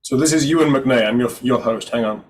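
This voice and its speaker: Man with an echo doubling his words. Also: medium pitch. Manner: halting, repeats himself. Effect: echo repeating his own phrases back. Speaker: host of a bridge broadcast. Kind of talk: casual chat on a live call. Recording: distant, echoing line with loud background noise.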